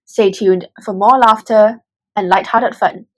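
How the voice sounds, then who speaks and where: A woman's voice: medium pitch, fairly even intonation, measured pace. A woman hosting in a scripted, upbeat joke-telling style, using Singlish phrases. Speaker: host.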